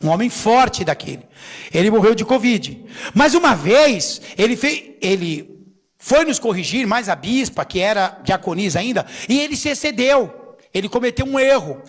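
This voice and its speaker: A middle-aged man, a bishop, preaching a lively sermon full of stories and jokes, acting out what others said with big swings in his voice. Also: normal speed. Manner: animated, jokey, acts out quotes with big pitch swings. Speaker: bishop and pastor. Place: church sanctuary. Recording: long reverb of a church hall.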